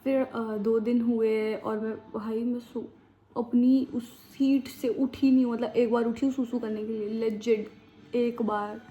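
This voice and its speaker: A young woman from India tells a personal story straight to camera, chatty and slangy, building up the drama as she goes. Her voice sits a little high and sounds mellow. The recording is dull and lo-fi, with a faint hiss of background noise. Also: steady tone, unhurried. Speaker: vlogger. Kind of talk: casual storytime chat.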